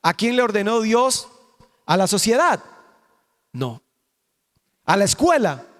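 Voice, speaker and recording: Male pastor, high voice, emphatic sermon with rhetorical questions, long reverb of a church hall. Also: big pitch swings, takes it slowly, a bit bright. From Costa Rica. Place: church sanctuary.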